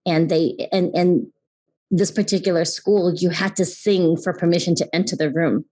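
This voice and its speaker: Speaking in a dark, steady, rather low voice at a moderate pace, this fifty-something podcast host from Taiwan delivers both scripted intro narration and casual personal talk. She is earnest, frequently restarting and repeating words.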